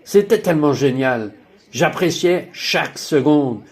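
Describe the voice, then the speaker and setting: Lively, wondering man narrating a testimony. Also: fairly high pitch, a little slow. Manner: emphatic, exclaiming, full of wonder. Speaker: voice-over narrator of a personal testimony.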